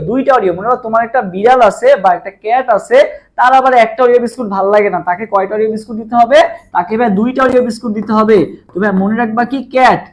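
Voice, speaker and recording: A man teaching a live online exam-prep class, who asks questions, answers them himself and repeats key terms again and again. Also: very high-pitched. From Bangladesh.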